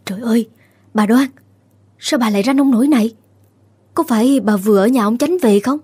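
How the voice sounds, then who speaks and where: Woman doing a scared kind young cook, trembling, hushed, breathy, storytelling. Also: on the high side, a little fast. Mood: anxious.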